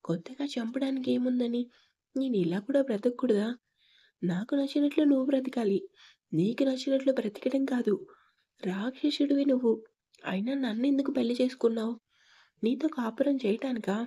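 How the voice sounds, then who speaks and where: A woman's voice: a little high, normal speed, pauses often, warm tone, breathy edge. Woman voicing a stern domineering young husband. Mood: menacing. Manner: stern, threatening.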